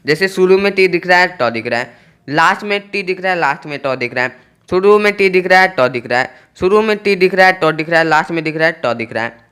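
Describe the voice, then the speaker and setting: A man's voice: high voice, animated, fast, sharp tone, clear, resonant tone. A man teaching English pronunciation to students, spelling out words letter by letter and repeating each point. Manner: repetitive, spells out letters one by one.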